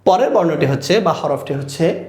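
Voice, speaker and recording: A man teaching Quran recitation, patiently repeating each Arabic letter slowly and stretching the sounds out. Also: fairly high pitch, lively intonation, darkish tone, echoey room. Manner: religious phrasing, often closes with a blessing.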